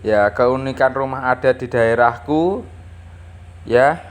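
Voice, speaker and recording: A school teacher from East Java, Indonesia, speaks in a mid-range voice at a slow pace, with slight background noise. He teaches a lesson by reading from a textbook and explaining it, his didactic delivery punctuated by frequent little checking tags.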